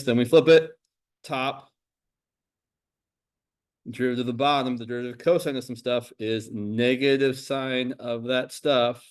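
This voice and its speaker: A man teaching a maths class in an informal coaching way, calling out instructions like an exam proctor and explaining step by step. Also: mid-range voice. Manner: informal, coaching students directly. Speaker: calculus instructor running a timed exam review.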